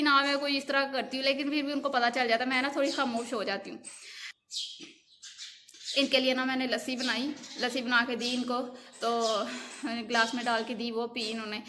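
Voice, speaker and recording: A young woman talks to her camera in a casual vlog, retelling her day with emotion and plenty of repetition. Her voice is bright and sits a little high. Faint background noise runs under the recording. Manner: emotional, rambling, repeats herself often. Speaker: vlogger.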